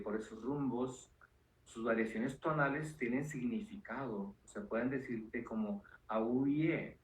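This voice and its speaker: A man, a neuropsychologist guest calmly explaining ideas with frequent fillers. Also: on the low side. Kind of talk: explanatory interview talk. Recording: roomy echo with faint noise.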